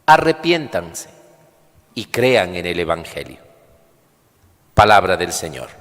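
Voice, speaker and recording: A priest reading the Gospel and preaching a homily at Mass in a slow, deliberate cadence, his voice carrying the long echoing reverb of a large church. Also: deep voice, sing-song, fairly bright tone.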